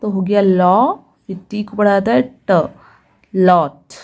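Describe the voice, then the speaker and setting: A woman's voice: mid-range voice, fairly even intonation, takes it slowly, a little mellow. A woman teaching English reading, spelling each word letter by letter and patiently repeating the sounds. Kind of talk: phonics lesson, spelling out words.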